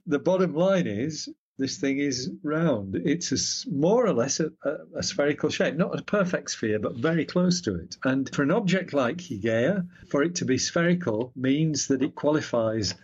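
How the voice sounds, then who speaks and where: A man's voice: mid-range voice, expressive, normal speed, few pauses, breathy edge, highs cut off. A man explaining astronomy in a casual chat, using everyday analogies and wry asides. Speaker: astronomy commentator.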